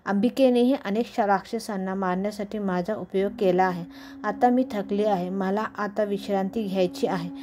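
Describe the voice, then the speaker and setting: A woman's voice: mid-range voice, steady tone, moderate pace, warm tone, lightly acted. A woman voicing a fierce, scornful goddess in a devotional scripture reading, in a noisy home recording. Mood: weary. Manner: scolding, contemptuous.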